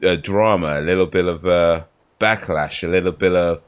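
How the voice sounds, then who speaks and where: A man hosting a podcast, talking in a relaxed, rambling way with many fillers. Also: sits low, moderate pace, clean tone. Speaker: podcast host. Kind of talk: casual podcast chat.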